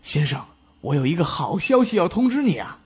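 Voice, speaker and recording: A cheerful male doctor, played by a man in a comic sketch, his pitch rising and falling freely as he speaks. He is polite and matter-of-fact, with a slightly husky voice on a dull lo-fi recording. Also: sing-song, brisk, heavily acted. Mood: blithe. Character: cheerful male hospital doctor delivering bad news.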